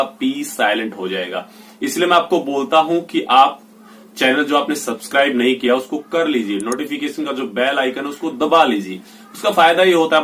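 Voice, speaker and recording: Teacher explaining grammar in measured steps. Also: male voice, mid-range voice, a bit bright, distant mic. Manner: explains slowly, reads English examples out deliberately. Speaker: English teacher. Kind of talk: Hindi-English spoken lesson. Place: indoors with rain heard outside. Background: rain.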